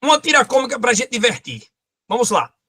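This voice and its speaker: A man teaching a lively exam-prep grammar lesson, pointing things out as he goes. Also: very high voice, fairly quick, breathy edge.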